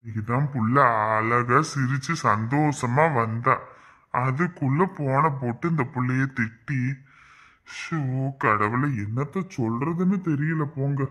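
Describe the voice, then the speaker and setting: A man's voice: mid-range voice, unhurried, a bit bright, lightly acted. A man playing a weary grumbling grandfather. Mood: resigned.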